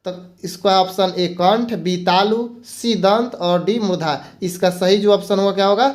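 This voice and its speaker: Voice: mid-range voice, steady tone, unhurried. A teacher gives an exam-prep grammar lesson, repeating points and mixing in English words. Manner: asks rhetorical questions and answers them.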